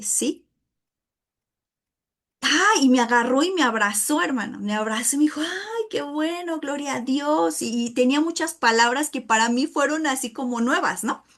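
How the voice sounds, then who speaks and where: A middle-aged woman teaching a Bible study in a conversational way, often calling listeners "brother" and filling pauses. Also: on the high side. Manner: chatty, addresses listeners as "hermano", many fillers like "este".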